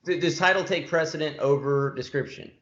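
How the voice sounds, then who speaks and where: Man, podcast host, inquisitive, middle pitch, roomy lo-fi audio. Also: fairly quick, fairly bright tone. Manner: curious, asks questions, agreeable. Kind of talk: casual interview chat.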